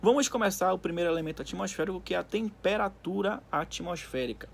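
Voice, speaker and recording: A man's voice: sits high, fast, gravelly, slight background noise. A male teacher giving a recorded school lesson, dictating from a textbook in segments and explaining didactically with frequent check-in tags. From Brazil.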